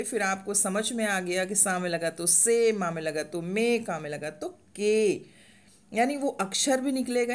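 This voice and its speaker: Woman teacher sounding out syllables slowly. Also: fairly high pitch. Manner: slow, drawn-out sounding out of syllables; asks the viewer questions and answers them. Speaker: Hindi teacher. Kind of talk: step-by-step reading lesson.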